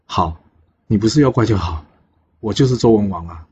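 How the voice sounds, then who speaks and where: A man's voice: on the low side, lively intonation, fairly quick, a little mellow, slightly rough. A man doing a wary old fleeing king. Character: older male king in flight, wary and startled. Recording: dull lo-fi with faint hiss.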